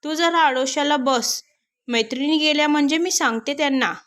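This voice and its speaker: A woman's voice: sits high, moderate pace, fairly bright tone. A woman voicing a timid young household maid who talks anxiously and pleads in a storybook tale. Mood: worried.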